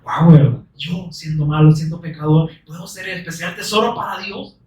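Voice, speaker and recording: A man preaching a sermon earnestly, asking many rhetorical questions and quoting scripture slowly and with emphasis. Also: a little high, fairly even intonation, darkish tone. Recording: roomy echo, distant mic.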